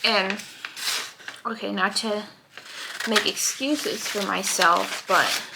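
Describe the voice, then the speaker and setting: A woman's voice: mid-range voice, steady tone, takes it slowly, gravelly, very noisy. A young pregnant woman chatting casually and heartfelt in a home vlog, with many fillers. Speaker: vlogger.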